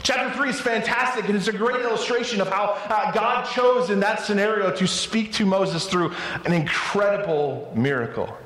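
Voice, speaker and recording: A man's voice: sits high, moderate pace, a bit bright, echoey room, poor audio. A male pastor preaching a sermon in an earnest way, often stammering into restarts.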